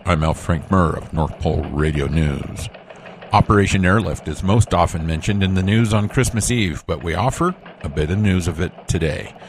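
A man's voice: sits low, normal speed, slight background noise. A man playing an upbeat Christmas elf news anchor in a scripted holiday radio newscast, with a formal announcer delivery. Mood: bright, announcing.

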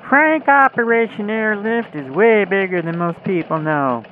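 An earnest, excitable Christmas elf sky reporter played by an actor explains things emphatically in a mid-pitched voice. It comes through a thin, phone-like radio link with engine noise behind, as a scripted holiday field report. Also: a little slow. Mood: earnest, eager.

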